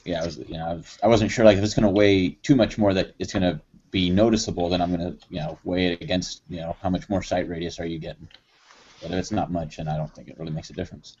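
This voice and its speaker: A man's voice: sits low, fairly even intonation, fast talker, a little mellow, a little hiss or hum. A man in a casual group podcast chat, hesitant and thinking aloud as he talks. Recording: dull lo-fi audio.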